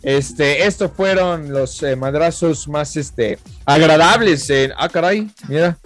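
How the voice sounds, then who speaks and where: Laid-back Mexican man, somewhat high voice. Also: slow pace, no echo, faint music behind. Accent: Mexican Spanish. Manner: laid-back, many fillers and short agreements. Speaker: podcast co-host. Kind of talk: casual podcast chat.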